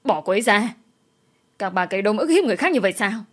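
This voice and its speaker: A woman's voice: medium pitch, quick pace, natural voice. A woman voicing an angry young father defending his wife and son. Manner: stern demands.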